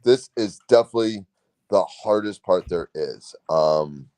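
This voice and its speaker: A man's voice: sits low, animated, unhurried, mellow, no room sound. A man in his forties, a guest on a podcast, telling his story in a rambling way, acting out what he said and often laughing. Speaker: guest comic writer. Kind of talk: casual podcast chat.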